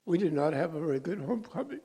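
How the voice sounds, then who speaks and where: An older man from California, a veteran being interviewed, who speaks haltingly and searches for his words. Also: on the high side, sing-song, dark tone, breathy edge. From California, USA. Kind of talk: personal interview.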